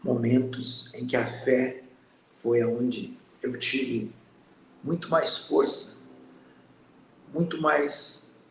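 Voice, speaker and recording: A man in his fifties from Brazil, hosting a spiritual channel and giving a slow, earnest, reflective monologue. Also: mid-range voice, vocal fry, reverberant, a little hiss or hum, low-quality recording. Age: 50s. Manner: slow, pausing, earnest and introspective.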